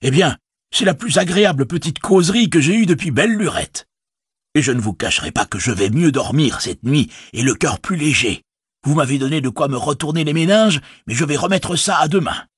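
A man voicing a chatty, fretful stout innkeeper who rambles and exclaims, with a husky voice. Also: on the high side, expressive, a little fast, no room sound, clean studio sound, pitched above the performer's own voice. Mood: rambling.

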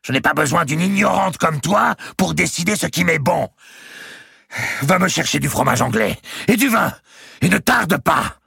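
A man voicing a tyrannical, gluttonous old countess who shouts and scolds her servant in a shrill voice. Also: animated, normal speed, vocal fry, breathy edge, dry recording, studio quality, heavily acted. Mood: shrieking.

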